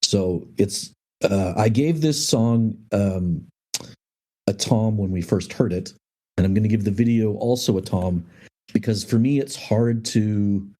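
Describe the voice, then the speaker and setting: A man in his forties on a casual music podcast, his voice shaking as he fights back tears, talking haltingly with many ums and restarts. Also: lowish voice, dark tone. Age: 40s. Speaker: podcast co-host.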